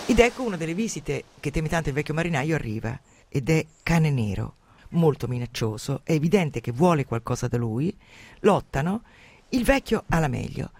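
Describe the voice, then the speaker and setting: Male radio host retelling a novel, raised voice. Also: fairly high pitch. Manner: lively, dramatic retelling. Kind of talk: literary radio commentary.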